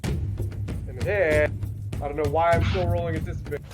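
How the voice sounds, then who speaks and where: An upbeat, joking man playing a tabletop game, his voice fairly high for a man. Music runs underneath him. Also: steady tone, normal speed. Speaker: player. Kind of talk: casual game chat.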